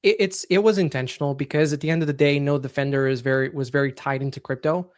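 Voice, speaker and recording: A man from Portugal with Portuguese as his first language, a podcast guest explaining his story in a relaxed, steady way. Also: mid-range voice, fast, no room sound, studio quality. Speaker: guest entrepreneur. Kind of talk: casual interview chat.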